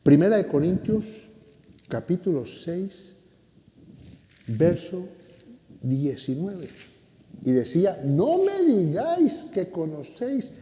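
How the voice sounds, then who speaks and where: A man's voice: high-pitched, big pitch swings, slow pace, long pauses, mellow, a little hiss or hum. A man preaching a sermon as pastor, emphatic and often asking the congregation questions. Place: church hall. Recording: echoey hall.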